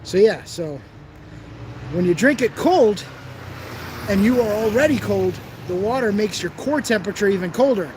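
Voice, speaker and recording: This livestream host, a man broadcasting casually from outside, has a high, expressive voice and speaks at a moderate pace. He wanders through chatter, reads comments from viewers aloud, and chuckles at his own remarks while background noise fills the clip.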